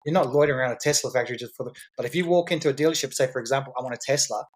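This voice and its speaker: Racing along in a medium-pitched voice, a man guesting on a podcast pitches his business with confidence and salesmanship. He often repeats phrases and starts sentences over.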